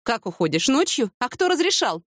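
A woman's voice: a little high, big pitch swings, brisk, no room sound, clean studio sound, pitched above the performer's own voice. A woman reading an audiobook, voicing a suspicious female hospital roommate who asks curt, interrogating questions.

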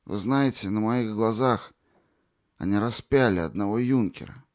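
A man voicing a wounded, dying young man who speaks hoarsely, slowly, word by word, in an audiobook. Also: fairly low pitch, a little mellow, natural voice. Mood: anguished. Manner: faltering, hoarse, slow.

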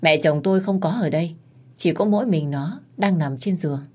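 A woman narrating a first-person story in an indignant, sharp-tongued manner. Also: fairly low pitch, brisk.

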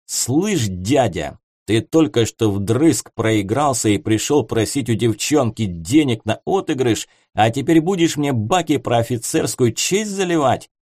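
Audiobook figure: a man as a cocky streetwise young soldier, slangy and mocking, lively voice, dry sound. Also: mid-range voice, unhurried, few pauses, dry recording. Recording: dry close studio sound.

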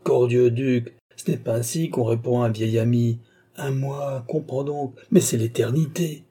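A man's voice: mid-range voice, steady tone, unhurried, mellow, slightly rough. A man voicing a petulant, anxious old baron who presses a friend with urgent questions. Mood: pressing. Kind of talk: audiobook character reading.

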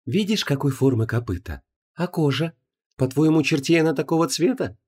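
A seductive goddess of love, as a male audiobook reader puts her on, raised in pitch and a little softer than his telling voice. She coaxes and condescends in honeyed tones, and her tone moves freely. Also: animated, fairly quick, husky. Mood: coaxing.

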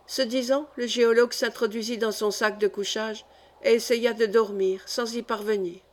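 A woman's voice: a little high, steady tone, normal speed. Woman narrating a dramatic story. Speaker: audiobook reader.

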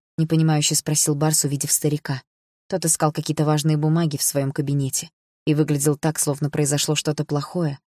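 A reader narrating a novel in steady, measured tones, with a middle-pitched voice. The recording is close and completely dry, with no room sound. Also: dry recording. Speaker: audiobook narrator. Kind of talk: scripted narration.

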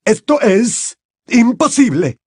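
A man reading an audiobook and voicing a shaken, stiff older male wizard who speaks in clipped, halting bursts. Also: sits high, huge pitch swings, breathy edge, dry recording, studio quality, voice pushed up, full character voice. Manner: clipped, halting, barely moving lips.

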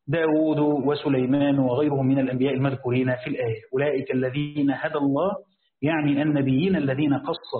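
A man with an Egyptian accent, a sheikh reading a classical Quran commentary aloud and explaining it in casual asides. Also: fairly high pitch. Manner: switches between formal reading and casual asides, thinking aloud. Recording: echoey, phone-like, faint hiss.

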